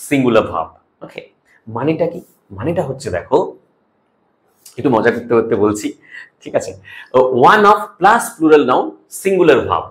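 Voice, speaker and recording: A man with a Bengali accent teaching English grammar rules for an exam, explaining each rule and reading example sentences slowly and deliberately, checking in with "okay?" as he goes. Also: a little high, fairly bright tone. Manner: mixes English terms into Bengali, asks "ok?" often. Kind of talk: exam-prep grammar lesson.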